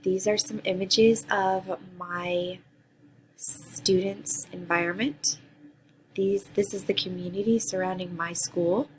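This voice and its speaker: Reading prepared answers, with some ums, for a graduate course introduction video, a Costa Rican teacher in her thirties sounds earnest. Her medium-pitched voice stays steady and slow, and the poor audio has a little hiss or hum.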